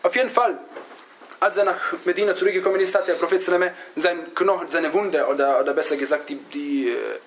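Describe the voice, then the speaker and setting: High-voiced man teaching, halting delivery. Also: a little hiss or hum, poor audio. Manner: halting, searches for words, often adds a questioning "ja?". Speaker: religious teacher. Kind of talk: religious lesson, storytelling to a class.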